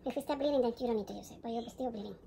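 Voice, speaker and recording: Very fast-talking bilingual woman caregiver. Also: a little high, gravelly, mellow, a little hiss or hum. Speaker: caregiver at home. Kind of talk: casual chat, mixing English and Spanish.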